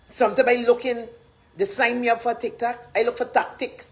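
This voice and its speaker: A woman's voice: on the high side, fairly even intonation, a little fast, crowd noise. A woman with a Guyanese accent gives an impassioned, rambling live address as a community advocate, repeating her points with emphasis.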